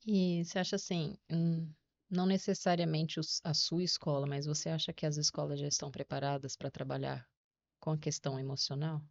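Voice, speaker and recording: A woman hosting a podcast interview, asking questions in a calm, measured way. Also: deep voice, dry recording. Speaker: podcast host. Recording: dry, slightly dull sound.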